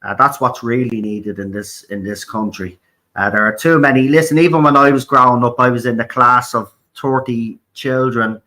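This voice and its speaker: Pushed and bright at medium pitch and normal speed, an Irish man hosts an opinionated political talk show. He talks bluntly, repeats words, swears, and leans on "right?" often.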